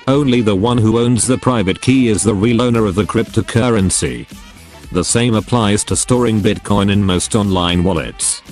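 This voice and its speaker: A synthetic male robot voice, computer-generated and pitched on the low side. It narrates a scripted explainer in a flat, even delivery. Quiet music plays faintly behind it. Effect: robot text-to-speech voice.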